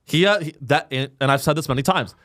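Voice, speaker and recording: A man's voice: fast, a bit bright, dry recording. Crude sarcastic man, dry mic. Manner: crude, sarcastic, swings to high mocking pitch. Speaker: podcast host. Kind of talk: casual comedic chat.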